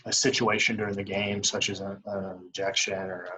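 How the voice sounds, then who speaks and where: A young man in a casual interview as an umpire, talking in a rambling, halting way full of filler phrases. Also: fairly low pitch, completely flat delivery, crowd noise, low-quality recording. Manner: rambling, halting, frequent "you know". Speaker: baseball umpire as interview guest. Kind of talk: casual chat.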